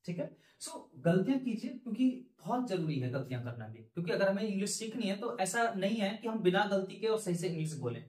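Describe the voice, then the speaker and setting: A man's voice: high-pitched, sing-song, brisk, few pauses, darkish tone. A male spoken English teacher giving an earnest, encouraging lesson talk to learners, repeating his points with rising emphasis. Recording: echoey room.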